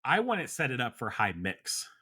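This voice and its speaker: A man's voice: mid-range voice, huge pitch swings, moderate pace, sharp tone, husky. A man co-hosting a podcast in casual chat, laid-back, laughing often and trailing off with fillers. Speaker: podcast co-host.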